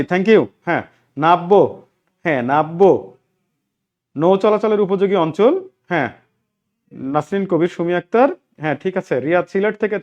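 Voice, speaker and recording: A man teaching a live online class, repeating key facts and asking students if they follow. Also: high voice. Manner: repetitive, drills key facts with check-in questions; reads out viewer names and thanks them. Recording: dull lo-fi sound.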